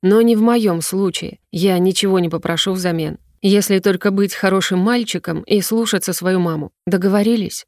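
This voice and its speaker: A kind young prince who talks gently and reassures, read by a woman narrator. The reading stays close to her own mid-pitched voice. The sound is dry, with no room around it. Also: moderate pace, few pauses, dry recording, lightly acted. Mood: gentle.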